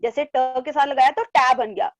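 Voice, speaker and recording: A woman teacher giving an online class to young children, drawing out syllables slowly and repeating each word twice for them to copy. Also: high voice, steady tone, dry recording, studio quality. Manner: coaxing, repeats words in pairs. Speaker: primary school teacher. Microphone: online class from home.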